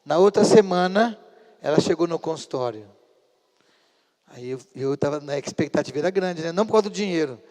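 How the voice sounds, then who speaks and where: Man, middle-aged, psychologist speaker; animated storyteller, fairly high voice, long hall echo. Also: a little fast. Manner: lively anecdotal storytelling, acting out dialogue. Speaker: psychologist giving a talk. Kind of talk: storytelling talk at a church couples retreat.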